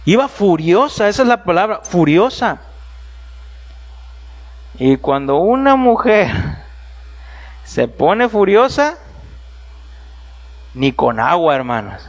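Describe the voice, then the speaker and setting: A man with a notably high voice preaching a sermon in a church. He tells the story in an animated way, speaking straight to his listeners and dropping humorous asides. The delivery stays lively and engaged throughout. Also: takes it slowly, pauses often.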